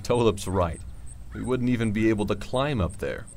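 Man playing a low-voiced, decisive space hero. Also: lively intonation, moderate pace, darkish tone, slight background noise. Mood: calm, decisive. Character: calm, decisive male space-adventure hero and storyteller. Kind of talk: scripted narration and audio drama acting.

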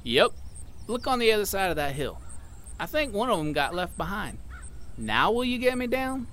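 A man's voice: sits high, sing-song, moderate pace, a bit bright, slight background noise. A man playing a bewildered cowboy in an audio drama, flustered and strained as if hanging upside down.

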